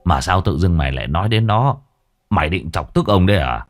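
A man voicing a gruff, hard-of-hearing village chief who is short-tempered and swears at his servant in a storybook reading. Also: low voice, lively intonation, a little fast. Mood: irritated. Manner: gruff, curses, barks orders.

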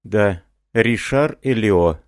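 A man voicing a distraught, frightened young married woman, speaking softly and pleadingly. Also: on the low side, expressive, slow, no echo, studio quality. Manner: soft, trembling pleading.

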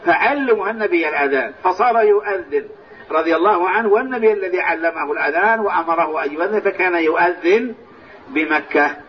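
Quick high-voiced older sheikh, distant lo-fi tape. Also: male voice. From Saudi Arabia. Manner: explanatory, recites phrases of the call to prayer softly. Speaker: sheikh teaching a hadith lesson. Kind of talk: classroom lesson explaining hadith. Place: large mosque. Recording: distant, dull, lo-fi old recording with faint hiss.

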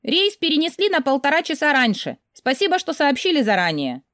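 Woman reading as a bossy chatty girlfriend in an audiobook, high and bouncy, dry close sound. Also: wildly swooping pitch, fairly bright tone, dry recording, heavily acted. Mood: cheerful, concerned. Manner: brisk, exclamatory, takes charge. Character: lively caring young woman friend, bossy.

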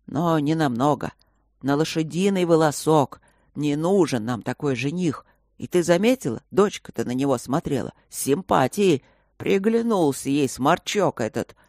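A woman's voice: deep voice, animated, normal speed, darkish tone, no room sound, clean studio sound. A woman voicing a burly, overprotective fantasy father who grumbles in a tipsy, doting way. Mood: grumbling.

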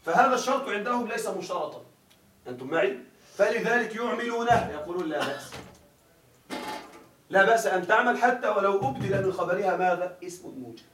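High-voiced man lecturing a class. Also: expressive, quick pace, fairly bright tone, a little hiss or hum. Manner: keeps asking students if they follow. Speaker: grammar teacher. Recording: echoey room, voice from far off.

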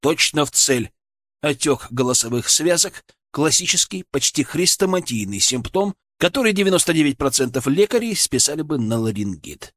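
Guy reading an audiobook, very lively intonation, tense, dry close-mic sound. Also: fairly high pitch, moderate pace, no room sound. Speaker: audiobook narrator. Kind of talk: first-person audiobook narration.

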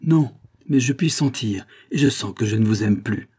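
A man's voice: mid-range voice, lively intonation, normal speed, a little mellow, breathy edge. A man reading aloud and voicing a hurt, defiant young boy who questions firmly and indignantly.

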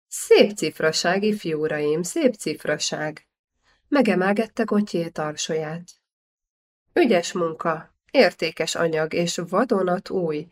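A woman's voice: on the low side, lightly acted. A woman voicing a big, boisterous nobleman who banters heartily in an audiobook. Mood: teasing. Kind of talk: audiobook character reading.

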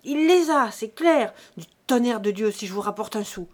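A woman voicing a furious, greedy grown peasant son who shouts accusations at his aged parents. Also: medium pitch, animated, a little slow, slightly rough, full character voice. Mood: raging.

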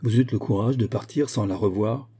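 A man's voice: fairly low pitch, a little fast, dark tone, husky. Troubled young lord, as a man reads him. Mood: indignant surprise. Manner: troubled, insistent questioning. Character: rich young English lord, moved and jealous.

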